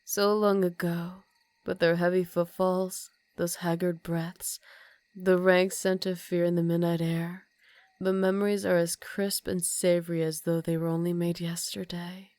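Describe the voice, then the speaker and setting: Woman acting a low-voiced, seductive vampire countess. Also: level tone, darkish tone, dry recording, close to an everyday voice. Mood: quietly menacing. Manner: formal, teasing, slow dramatic phrasing. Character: ancient aristocratic vampire countess, seductive, predatory, condescending. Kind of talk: ASMR roleplay, intimate soft speech with whispered phrases.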